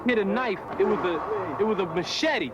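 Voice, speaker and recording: An actor playing a wounded tough-guy male cop who brags in an excitable, rambling way, from a film soundtrack with music. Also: high voice, brisk. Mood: excited.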